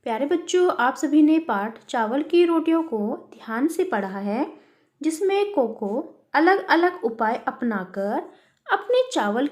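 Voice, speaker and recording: A woman's voice: high voice, darkish tone. A woman teaching a children's worksheet lesson. She calls the pupils "beta" and asks and answers her own questions.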